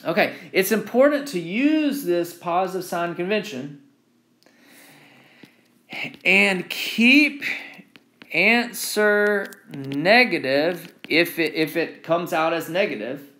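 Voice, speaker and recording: An engineering instructor gives an informal lecture from handwritten notes, repeating key phrases for emphasis and often checking in with "right?". His voice sits high and sounds animated and sharp, and he speaks at a slow pace.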